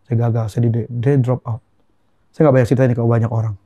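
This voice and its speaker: A young Indonesian man telling an emotional personal testimony as a guest, earnest and halting, repeating phrases as he goes. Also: mid-range voice, level tone, mellow, dry recording.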